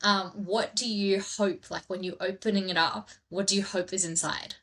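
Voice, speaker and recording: Bright chatty lady hosting a podcast, laughs a lot. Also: medium pitch, steady tone, normal speed. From grew up in southern India. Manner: chatty, laughs often, soft breathy asides. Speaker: podcast host. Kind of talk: casual podcast chat.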